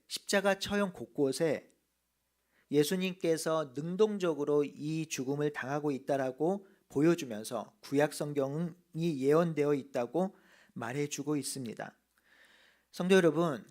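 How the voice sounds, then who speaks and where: A man preaching a sermon as a pastor, earnest, slowing down to stress key phrases. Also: fairly high pitch, a little mellow. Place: church.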